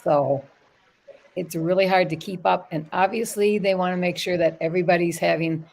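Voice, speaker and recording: Low, gravelly woman chatting eagerly. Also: steady tone, normal speed, darkish tone. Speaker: guest. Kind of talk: casual fan chat. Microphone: video call.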